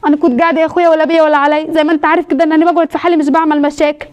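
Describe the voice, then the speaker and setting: A pushy, scheming young wife, played by a woman with an Egyptian accent stirs up a family quarrel. Her voice sits very high and the words tumble out fast and nagging. This is comedy sketch acting. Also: flat delivery, darkish tone, lo-fi sound, close to an everyday voice. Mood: pleading. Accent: Egyptian Arabic. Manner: rapid nagging chatter, stirring up trouble.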